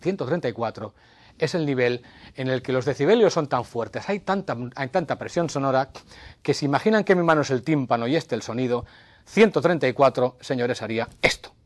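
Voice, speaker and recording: A man's voice: medium pitch, expressive, a little fast. A man presenting a hearing-health segment on television, explaining to camera and demonstrating with whispers and a raised voice.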